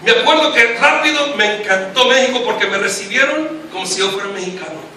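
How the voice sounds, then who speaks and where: A man from Nicaragua gives a lively church testimony, often calling the listeners brother and laughing between his asides. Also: high-pitched, a little fast. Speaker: preacher giving testimony. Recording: echoey hall, distant mic, faint noise.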